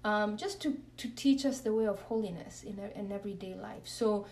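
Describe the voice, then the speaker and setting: With a medium-pitched, slightly mellow voice at a moderate pace, a woman religious from Kenya shares her faith story and leads prayer in an interview. Her manner is earnest and reflective, and she sits a bit far from the microphone.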